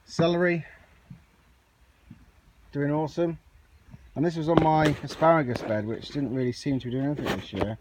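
A man gives an unplanned, chatty video tour of his allotment for his amateur gardening vlog, recorded outdoors on a handheld camera or phone with clear background noise. His slightly high, darkish voice stays fairly even, moving at a moderate pace with long pauses.

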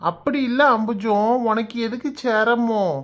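A woman's voice: fairly high pitch, unhurried, close to an everyday voice. A woman voicing a patient placating husband. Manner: soothing, pleading. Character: middle-aged husband and father, patient, placating. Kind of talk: animated village comedy voice acting.

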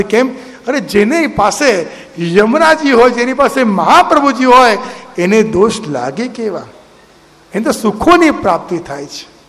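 High-voiced man preaching. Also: fairly bright tone. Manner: exhorting, rhetorical questions. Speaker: religious speaker. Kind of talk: devotional discourse. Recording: reverberant hall with instrumental music.

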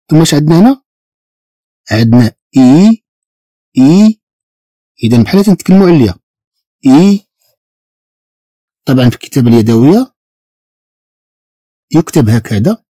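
A man's voice: medium pitch, dark tone, husky, dry recording. A man with a Moroccan Arabic accent teaching a beginner language lesson, patiently repeating each sound and spelling letters out.

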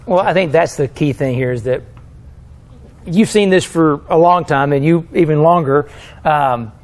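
A man hosting a technical discussion, talking with enthusiasm and cutting in with quick agreement. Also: on the high side.

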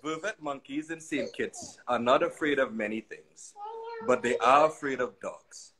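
A man narrating a children's story aloud in an expressive, sing-song way. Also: mid-range voice, measured pace, background noise.

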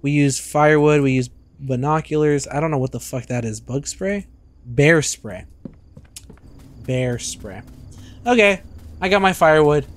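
Young guy streaming a game, kinda high voice, jokey and loud, swears a lot, studio mic. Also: unhurried, long pauses. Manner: joking, loud outbursts, swearing. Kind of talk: casual gameplay commentary. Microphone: studio mic on arm.

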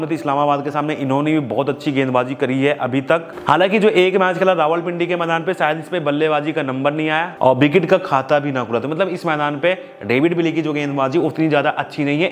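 A man giving fantasy cricket tips in a chatty, emphatic way, talking straight to his viewers. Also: a little high. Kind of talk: casual analysis video.

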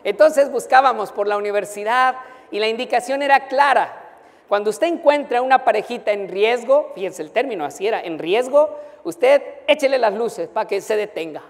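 A man's voice: very high-pitched, expressive, moderate pace. Man, pastor, humorous storyteller, acts out dialogue, long hall reverb. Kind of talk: storytelling sermon.

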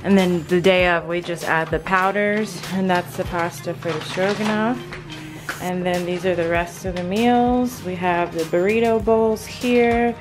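Casting: low-ish female vlogger voice, casual and chatty, home kitchen, music underneath. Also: fairly even intonation, a little slow. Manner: chatty, walks viewers through her cooking. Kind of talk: casual vlog narration.

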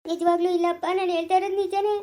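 An agitated young sister accuses others and speaks through tears, as a woman acts her out. The voice is very high and mellow, and her speech is sharp and insistent. It suits a homemade family drama. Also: flat delivery, very fast. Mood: upset, accusing. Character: angry, tearful young sister blaming others.

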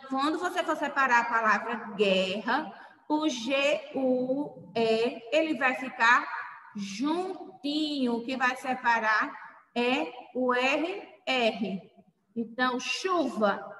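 Slow, patient woman teacher in echoey room. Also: high-pitched, fairly bright tone. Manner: slow, patient, spells out letters. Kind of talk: explaining a lesson to children. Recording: echoey room, mic far off.

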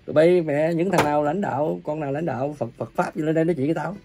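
A man delivers a furious preaching rant, scolding and cursing his listeners. His voice sits a little high but sounds dark and gravelly, and it jumps between loud bursts and low mutters. Faint music plays behind him. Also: racing. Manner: scolding and cursing, coarse insults; uneven volume, bursts loud then drops low. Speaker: self-proclaimed religious preacher. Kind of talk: angry ranting sermon.

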